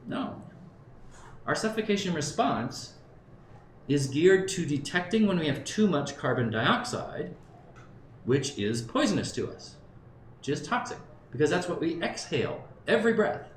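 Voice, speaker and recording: A Southern Californian man in his fifties gives a conversational presentation to a live conference audience, often checking in with them and thinking aloud. His voice is a little high, sing-song, and unhurried, and the roomy recording carries faint background noise.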